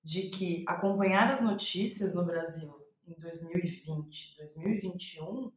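Speaking a little slowly in a lowish voice, a woman with a Brazilian Portuguese accent is interviewed as a podcast guest; she's a playwright. Her talk is reflective, thought through aloud with restated phrases, and the audio has a roomy, echoing quality.

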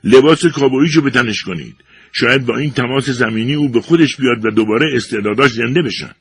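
A man voicing an angry cowboy father who shouts his orders. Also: on the low side, breathy edge, pitched above the performer's own voice.

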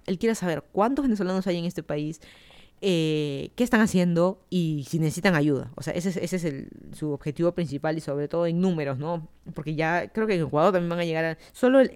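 Smooth-voiced Peruvian woman, chatty podcaster. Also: lowish voice, darkish tone. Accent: Peruvian Spanish. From Peru. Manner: chatty, opinionated, rambling with asides. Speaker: podcast host. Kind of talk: casual solo commentary. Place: home in Miami.

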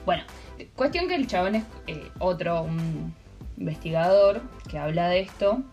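Young adult woman, Argentine accent, lowish voice, meandering casual storyteller, faint music bed. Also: animated, normal speed, a little mellow. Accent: Argentine Spanish. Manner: rambling storyteller with many fillers. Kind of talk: casual chat.

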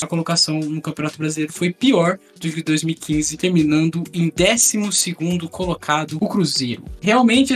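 A Brazilian man with a high voice hosts a football talk show, moving between recaps and questions. Faint music runs underneath. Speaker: podcast host. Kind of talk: hosting, recapping figures and posing questions.

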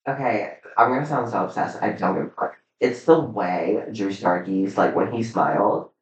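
A man's voice: on the low side, normal speed. A man co-hosting a podcast in casual chat, gushing, swearing freely and drawing words out. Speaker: podcast co-host. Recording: roomy, distant, dull sound.

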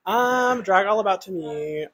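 A man's voice: high-pitched, lively intonation, measured pace, fairly bright tone. A man who performs in drag, answering interview questions casually.

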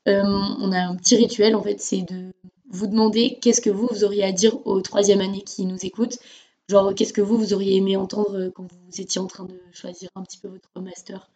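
A woman's voice: mid-range voice, level tone, a little fast, mellow. A young woman hosting a casual student podcast interview in an informal, encouraging way. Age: young adult.

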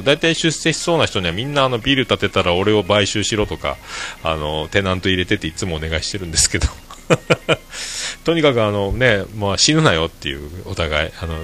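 A man with a hoarse voice, hosting his own show and chatting casually to listeners with many fillers and chuckles. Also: sits low, a bit bright. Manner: rambling, many fillers, laughs at own jokes. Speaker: podcast host. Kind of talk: casual solo chat to listeners.

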